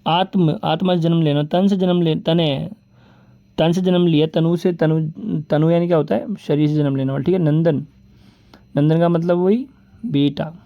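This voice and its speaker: A man's voice: on the high side, highs cut off. A man teaching an exam-prep vocabulary lesson, reeling off word lists and often repeating "ठीक है". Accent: Rajasthani Hindi. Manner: lists words rapidly, repeating "ठीक है" and "बोलते हैं"; addresses viewers as "दोस्तों" and "भाई".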